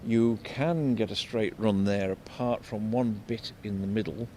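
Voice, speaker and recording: An older man giving unscripted commentary as an architect and local guide, discursive and explanatory, halting and repeating words. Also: warm tone. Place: outdoors in a shopping street. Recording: vehicle rumble, street noise. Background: faint street traffic rumble.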